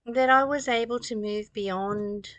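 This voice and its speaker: In a muffled recording with no room sound, a woman in her sixties speaks at an unhurried pace in a slightly high, somewhat bright voice. A spiritual teacher, she reads passages from a study text and explains them earnestly in a preaching style, using rhetorical questions and repetition.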